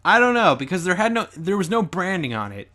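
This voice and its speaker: Brief: male let's play commentator, lively pitch, slightly high, sarcastic jokes. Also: a little fast. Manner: animated, sarcastic and joking. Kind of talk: reaction commentary on his old video.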